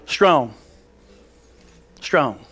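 A man's voice: medium pitch, expressive, drawn-out words, slightly rough. A man, preaching a folksy sermon in a church sanctuary on a headset mic, calling out to the congregation. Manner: folksy, calls on the congregation, rises to loud preaching; paces the stage, gesturing. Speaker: pastor. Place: large church sanctuary stage.

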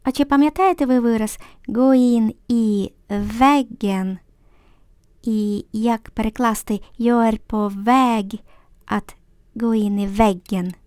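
A woman teaching a language lesson, patiently explaining grammar and repeating example sentences slowly and clearly. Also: fairly high pitch, fairly even intonation, darkish tone, no echo, studio quality.

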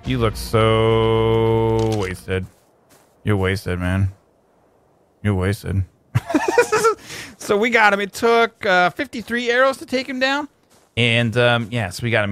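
Bright, lively young male gamer narrating his playthrough; jokes at the creatures, faint game music under him. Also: a little high. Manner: excitable, yelps and jokes at the animals. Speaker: gaming YouTuber. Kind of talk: let's play commentary.

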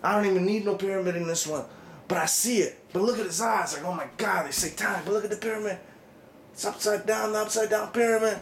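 A man's voice: high voice, fast, echoey room, a little hiss or hum. A man doing a frantic, rambling parody rant that keeps calling out to "people". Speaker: comedic conspiracy vlogger.

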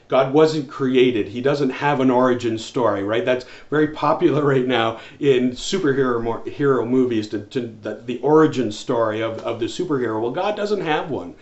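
A man in his forties preaching a home church sermon to camera, earnest, with many restarts and fillers. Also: medium pitch. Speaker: pastor. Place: small room with wall shelves, indoors. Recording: roomy, slightly dull sound.

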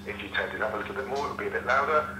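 A man's voice: on the low side, very fast. A man giving a casual product demonstration, his voice played through a small watch phone speaker. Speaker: tech reviewer. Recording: echoey, noisy watch speakerphone call.

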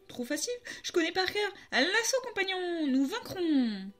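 A woman's voice: high voice, expressive, normal speed. A woman reading a children's storybook aloud, voicing a boastful male Persian cat who knows every street, in a cocky, exclamatory manner. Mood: triumphant.

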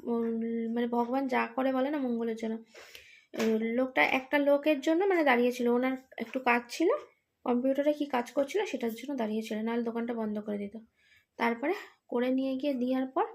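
A woman's voice: high voice, creaky. A woman, tired, rambling through an exasperated casual vlog monologue with many fillers. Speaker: vlogger, daughter caring for her ill father.

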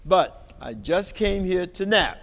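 A drowsy young dog who just wants his nap, confused and stammering, voiced by a man reading a storybook. He talks slowly with a gravelly edge, and a long hall echo trails behind. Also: high voice, expressive, fairly bright tone, pitched above the performer's own voice, full character voice. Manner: hesitant, stammering.

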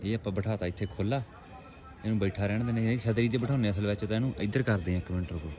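A man with a lowish voice races through his words on a rooftop at home, talking informally to viewers like mates in a rustic, casual pigeon-keeping vlog. The highs are cut off in the recording, and birds and noisy outdoor ambience sit behind him.

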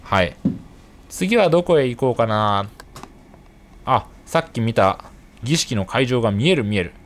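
A man's voice: medium pitch, lively intonation, unhurried, slight background noise. A man narrating his solo trip as a travel vlogger, chatty and explanatory with light joking asides.

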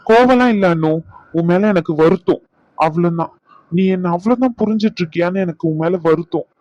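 A man voicing a young husband in a cartoon, speaking softly and reassuringly. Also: high voice, fairly quick, no room sound, highs cut off, close to an everyday voice. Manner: soft, reassuring. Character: young husband, gentle and remorseful.

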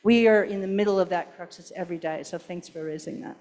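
A woman's voice: fairly low pitch, fast talker, a little mellow, a little hiss or hum. A woman giving a conference keynote and answering questions, emphatic and urgent, often posing rhetorical questions. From Pacific Northwest, US. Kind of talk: conference talk and Q&A.

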